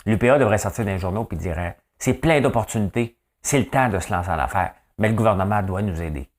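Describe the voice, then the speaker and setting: Chatty Québécois man, lowish voice. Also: lively intonation, fast talker. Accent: Quebec French. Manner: chatty, rhetorical, keeps asking "hein?". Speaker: podcast host and farmer. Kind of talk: casual daily news monologue.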